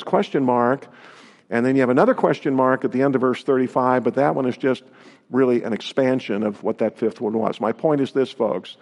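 A man's voice: on the high side, darkish tone. Earnest male preacher in a reverberant hall. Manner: earnest, emphatic, asks rhetorical questions. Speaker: pastor. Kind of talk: sermon with scripture reading.

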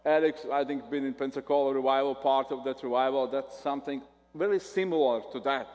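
A man from Latvia with a Latvian accent, a guest pastor preaching a sermon, talking in a halting way and often repeating words. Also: mid-range voice, steady tone, darkish tone, long reverb tail.

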